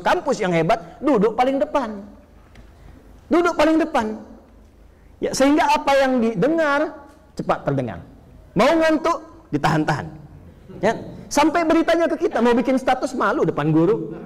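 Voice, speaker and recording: A man giving a lively, joking sermon and speaking straight to his listeners. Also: sits high. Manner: animated, joking, addresses listeners directly. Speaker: Islamic preacher. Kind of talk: lively sermon to a live audience. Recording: long reverb of a lecture hall.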